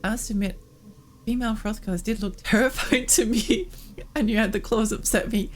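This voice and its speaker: A woman livestreams a video game over game music, chatting casually and expressively at a normal speed in a voice on the high side. She sounds tired, and her worn voice keeps cracking from losing it.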